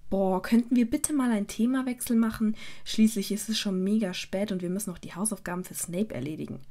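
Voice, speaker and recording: A woman's voice: mid-range voice, brisk, mellow, lightly acted. A woman voicing a troubled teenage boy wizard who speaks in an emotional, pleading way. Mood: casual.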